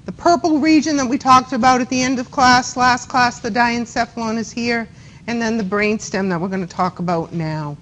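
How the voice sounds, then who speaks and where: A woman with a Boston accent lectures a class on anatomy, her voice pitched high. She keeps it chatty and stops to quiz her students. A faint hiss of classroom noise sits behind her. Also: moderate pace, fairly bright tone, low-quality recording. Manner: chatty, checks in with students by asking questions. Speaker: anatomy instructor.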